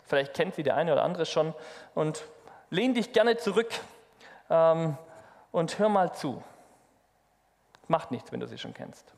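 A man preaching a sermon, lively and speaking directly to the congregation. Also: fairly high pitch, measured pace, vocal fry, long pauses. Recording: long hall reverb.

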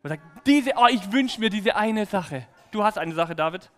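A man giving a lively, playful children's sermon, speaking straight to the kids in a church. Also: sits high, normal speed. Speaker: preacher for children. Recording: echoey hall reverb.

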